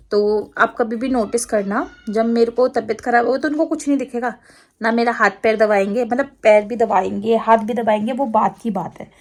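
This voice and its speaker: Woman, agra hindi accent, rambling chatty vlogger, fairly high voice, laughs easily. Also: darkish tone. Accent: Hindi, from Agra region. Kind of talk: casual chat to camera.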